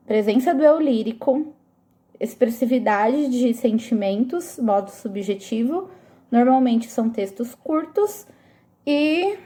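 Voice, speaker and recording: A female teacher with a somewhat high, dark-toned voice leads a review session for eighth-grade students. She explains with patience, checking in frequently to confirm the class understands.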